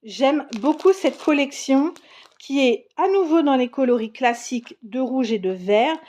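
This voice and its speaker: A woman's voice: high-pitched, expressive, a little slow, darkish tone. A woman casually showing scrapbooking supplies on camera, chatty and enthusiastic, with frequent fillers and restarts. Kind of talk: casual product show-and-tell.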